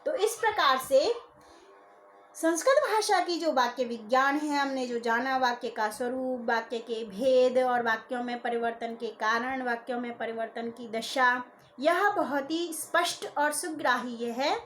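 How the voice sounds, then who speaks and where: A woman lecturer giving a recorded lesson, explaining clearly and stressing key terms. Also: high-pitched, measured pace, a bit bright, slight background noise.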